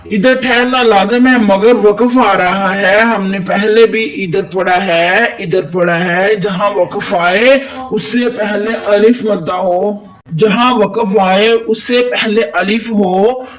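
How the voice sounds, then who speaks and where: A man's voice: high voice, slow, distant mic, rough recording. A man teaching Quran recitation with a Pakistani Urdu accent, patiently explaining letters and drawing out recited syllables. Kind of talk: tajweed lesson, spelling out letters.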